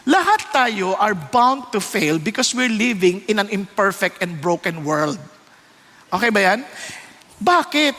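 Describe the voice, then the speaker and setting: High, bright Filipino pastor in a hall. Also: male voice. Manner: animated, mixing Tagalog and English, acts out quoted voices. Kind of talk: sermon. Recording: long hall reverb.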